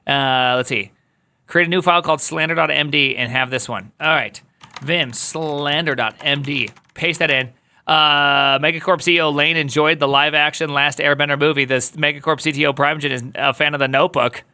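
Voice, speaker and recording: Bright-voiced man teaching code with jokes. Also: steady tone, normal speed, smooth. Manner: playful, joking asides to chat, jumps high when teasing. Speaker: coding instructor. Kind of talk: live coding walkthrough.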